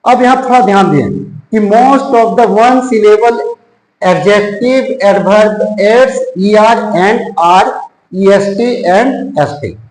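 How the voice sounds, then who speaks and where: A man from India teaching English grammar, mixing Hindi and English with a Hindi accent and slowly repeating his examples. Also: sits high, a little mellow, roomy sound, rough recording. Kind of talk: classroom-style grammar lesson.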